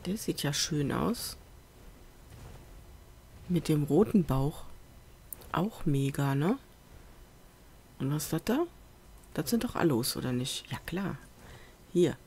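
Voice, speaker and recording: A woman, a let's play gamer, chats her way through a survival game from her home computer, muttering to herself and urging on the animals on screen. Her low voice is slow, with long pauses, captured by a USB desk microphone. There's a faint hum in the background along with faint festival noise from outside.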